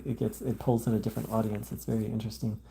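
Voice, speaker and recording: A man talks live into his phone as the host of a spiritual channel, stopping to read and answer viewer comments. His voice is dark and gravelly, with a mellow tone. He meanders through thoughts in a halting way, full of fillers and restarts, and stays gentle and conciliatory toward his viewers. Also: lowish voice, flat delivery, slight background noise. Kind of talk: live-stream talk, reading viewer comments.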